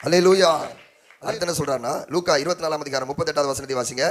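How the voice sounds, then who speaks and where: A man's voice: a little high, very fast. A man preaching a sermon as pastor, with a Tamil accent, calling on the congregation to answer and repeating phrases in rising, rhythmic exhortation. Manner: call-and-response preaching, prompting the congregation.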